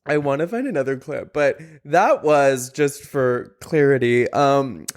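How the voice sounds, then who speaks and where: A man's voice: medium pitch, unhurried. A man hosting a podcast in a casual, joking way, laughing often. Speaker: podcast host.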